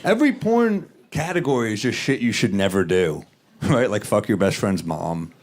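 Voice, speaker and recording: A man doing a stand-up comedy set on stage in a dry, deadpan manner. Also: on the low side, normal speed. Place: comedy stage in front of a live audience. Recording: live show with audience laughter and room noise.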